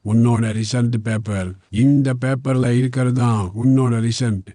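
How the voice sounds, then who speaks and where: A man's voice: medium pitch, steady tone, normal speed, dark tone, no room sound, studio quality, close to an everyday voice. A man playing a mysterious bald stranger who soothes a crying boy and promises him magic. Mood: coaxing.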